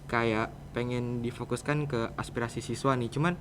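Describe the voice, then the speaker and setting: Speaking at a moderate pace in a steady, mid-range voice, this teenage guest, a student with a Jakarta Indonesian accent who leads a podcast project, responds to interview questions conversationally, informal and roundabout. The recording carries room ambience and clear background noise.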